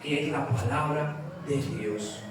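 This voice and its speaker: A man's voice: mid-range voice, takes it slowly. A man preaching a sermon with passion, telling stories and acting out the dialogue, recorded from a distance in a large church hall. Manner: impassioned, storytelling with quoted dialogue. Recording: echoey distant hall sound with ambient noise.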